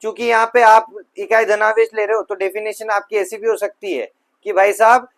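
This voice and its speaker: High-voiced physics teacher. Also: male voice, little pitch movement, a little fast. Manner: talks students through steps with frequent rhetorical questions; repeats himself, self-corrects mid-sentence. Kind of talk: whiteboard physics lecture.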